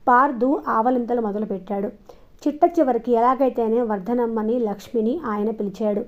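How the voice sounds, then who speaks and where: A woman's voice: fairly high pitch, steady tone, brisk. Woman reading a novel aloud. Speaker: audiobook narrator. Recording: dull lo-fi home recording.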